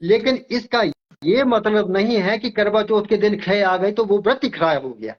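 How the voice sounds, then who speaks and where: Older man, high-pitched, emphatic lecturing astrologer, dull lo-fi sound. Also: moderate pace. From Himachal Pradesh, India. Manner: emphatic, lecturing, repeats words. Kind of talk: interview.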